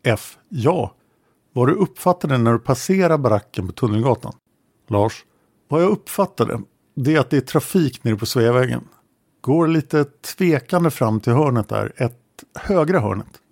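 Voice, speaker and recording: A man with a gravelly, fry-tinged voice reads an interrogation transcript aloud for a true-crime podcast, naming each speaker in turn. His delivery is measured and matter-of-fact, recorded close to the mic in a dry, dead room. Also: medium pitch, animated, darkish tone, no echo. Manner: measured, matter-of-fact reading that names each speaker before their lines.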